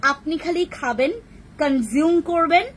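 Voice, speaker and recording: A young Bangladeshi woman selling on a live stream, talking fast and repeating herself, dropping English words into her pitch. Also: crowd noise, poor audio. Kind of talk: fast casual sales pitch.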